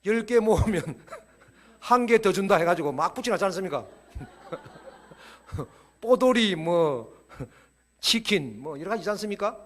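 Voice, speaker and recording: A man giving a playful, animated sermon-style lecture to a church audience. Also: high-pitched, measured pace, long pauses.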